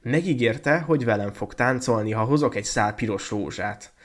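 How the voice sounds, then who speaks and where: A man's voice: fairly low pitch, close to an everyday voice. A man voicing an impulsive young male student, exclaiming and indignant. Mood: excited.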